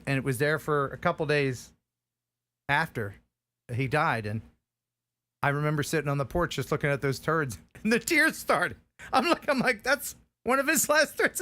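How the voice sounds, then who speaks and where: Slightly high and bright, the man's voice has a forceful edge as he hosts a live stream. He is middle-aged and mourning a lost dog, chatting casually with rambling, heartfelt talk full of restarts.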